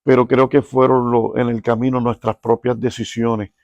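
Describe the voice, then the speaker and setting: A man's voice: medium pitch, level tone, moderate pace, darkish tone, dry recording, dull audio. A man hosting a Spanish-language interview podcast, asking questions earnestly and often adding tag questions. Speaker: podcast host.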